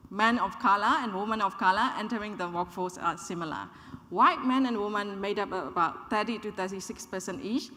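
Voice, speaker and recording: A woman in her thirties, originally from Burma, delivers a prepared conference presentation at a measured, clear pace. Her voice is bright and forward. The sound carries the long reverb of a large hall. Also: mid-range voice. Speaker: conference speaker.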